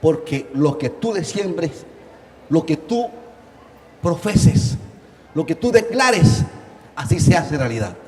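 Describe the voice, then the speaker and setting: Earnest man, high voice. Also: very animated, slow pace, long pauses, a little mellow. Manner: earnest, addresses audience directly, acts out quoted voices. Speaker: speaker addressing parents. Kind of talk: motivational talk. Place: conference venue. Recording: roomy hall with faint noise.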